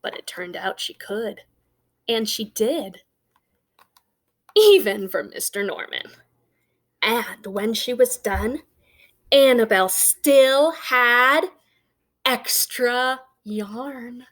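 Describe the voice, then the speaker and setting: A woman with a fairly high voice reads a children's picture book aloud as an expressive storyteller. She uses emphatic pauses and slips in conversational asides.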